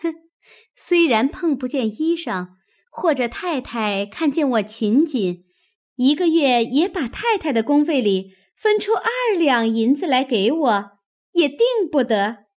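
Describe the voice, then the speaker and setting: A woman voicing a proud, sharp-tongued young maid with a tart, biting manner. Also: high-pitched, sing-song, unhurried, exaggerated voice.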